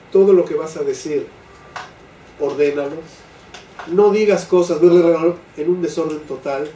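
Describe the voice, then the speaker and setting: An older man leading a Torah class for a live group, often checking in with "¿sí?" and slowing down to stress key phrases. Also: on the high side, dark tone. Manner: keeps asking "¿sí?" to his listeners. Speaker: Torah teacher. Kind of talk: religious class lecture. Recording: echoey room, voice from a distant mic, faint background noise.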